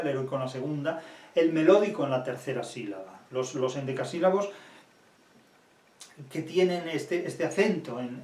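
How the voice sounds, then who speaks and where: A man's voice: fairly high pitch, distant mic. Emphatic man lecturing on poetry. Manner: emphatic, repeats himself, recites verse. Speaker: literature professor. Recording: roomy echo, a little off-mic.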